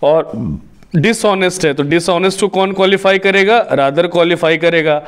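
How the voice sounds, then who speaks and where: A man's voice: high-pitched, clear, resonant tone. A man teaching English grammar in Hindi, explaining step by step and asking the class questions before answering them himself. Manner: reads English example sentences slowly, word by word. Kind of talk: Hindi-medium grammar lecture.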